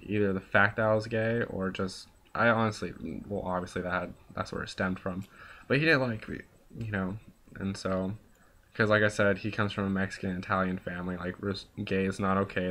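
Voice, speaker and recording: Young man, low gravelly voice, casual vlog monologue, rambling, earnest, blunt. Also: fairly bright tone. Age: young adult. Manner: rambling, full of "like" and "you know"; candid and earnest, sometimes blunt and profane. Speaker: vlogger.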